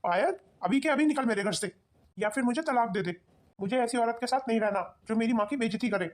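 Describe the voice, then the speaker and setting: In cartoon voice acting, a woman plays a stern young husband who takes his mother's side, sounding harsh and commanding. Her voice is a little high, fast, and lightly acted.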